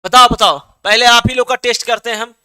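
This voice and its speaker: High-voiced, bright male teacher. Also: fairly even intonation, a little fast, clean tone. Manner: coaxing, repetitive, checks understanding often; reads answers aloud from students. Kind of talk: online exam-prep class.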